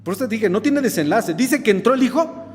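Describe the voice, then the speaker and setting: A man with a Mexican accent preaching an evening sermon in church, animated, putting questions to the congregation. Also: sits high, fairly quick. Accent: Mexican Spanish. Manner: animated, acts out quoted dialogue, asks the congregation questions. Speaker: pastor. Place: church sanctuary. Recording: reverberant church hall.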